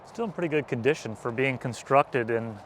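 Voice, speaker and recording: A man hosting an on-location vlog, explaining things casually as a guide outdoors on a trail, with a steady drone of traffic. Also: medium pitch, fairly quick. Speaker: vlog host and explorer guide.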